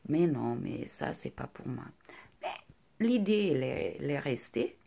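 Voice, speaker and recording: A middle-aged woman with a non-native French accent, speaking softly and hesitantly in a confiding personal vlog, often close to a whisper. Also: extremely low pitch, animated, measured pace, creaky, slightly rough.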